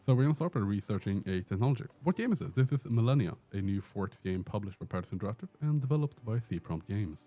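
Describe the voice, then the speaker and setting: During a live gameplay stream, a Swedish streamer from Sweden chats, jokes, and answers chat questions in a Swedish accent, speaking fast with hardly any pauses. His lowish voice is mellow with lively intonation, and faint music plays in his indoor room with a door.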